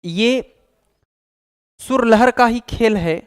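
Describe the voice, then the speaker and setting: A man's voice: very high-pitched, slow pace, clean tone. A man teaching an exam-prep Hindi grammar lesson, explaining patiently, repeating key terms and acting out example phrases.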